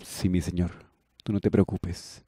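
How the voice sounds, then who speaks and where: A man's voice: sits low, flat delivery, measured pace, warm tone, breathy edge, no room sound, clean studio sound. A man voicing a loyal, deferential male servant and driver. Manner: deferential, obliging.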